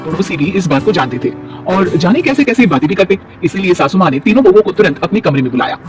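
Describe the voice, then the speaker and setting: High-voiced man narrating a cartoon story. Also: fast, far from the mic, faint music behind. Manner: steady storytelling.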